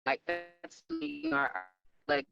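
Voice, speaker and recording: A woman, a former teacher and parent, talks in a halting, earnest way on a remote call whose audio breaks up and cuts out. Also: soft background music. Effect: remote call audio breaking up and cutting out. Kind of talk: casual panel discussion. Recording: muffled lo-fi call with faint noise.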